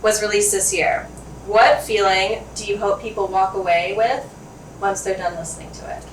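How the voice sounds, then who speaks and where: A woman's voice: mid-range voice, fairly even intonation, normal speed, far from the mic, slight background noise. Upbeat woman interviewer, echoey room. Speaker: interviewer, host. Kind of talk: casual interview.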